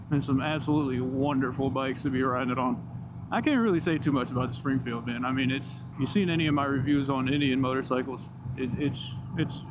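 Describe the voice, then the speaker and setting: A man giving casual, slangy, enthusiastic but laid-back commentary while riding a motorcycle outdoors. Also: mid-range voice. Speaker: motorcycle vlogger. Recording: loud engine and riding noise.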